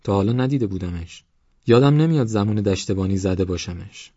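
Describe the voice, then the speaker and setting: A blustering village elder past eighty, voiced by a man, dry and teasing with a husky edge. The sound is close and dry, a little dull in the highs. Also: expressive, warm tone, dry recording. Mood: gruff teasing. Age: over 80. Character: gruff old village man, former field guard.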